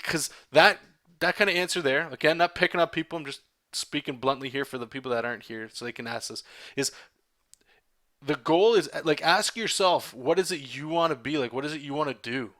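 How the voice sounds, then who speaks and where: While inking a comic for his livestream audience, a man with a Canadian accent talks frankly, rambling and frequently restarting what he says. His high-leaning voice has a sharp tone and moderate pace, recorded dry and at studio quality.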